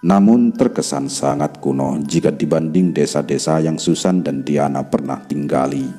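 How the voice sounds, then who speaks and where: Deep, dark-toned man telling a horror story, faint music behind. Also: normal speed. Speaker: narrator. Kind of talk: scripted horror story narration. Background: faint background music.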